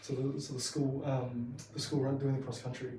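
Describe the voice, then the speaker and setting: A man's voice: medium pitch, little pitch movement, a little fast. A man with a New Zealand accent, interviewing in an informal, matey way like a chat between friends. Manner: informal, matey, often saying bro. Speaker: podcast interviewer. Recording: roomy echo, distant mic, faint noise.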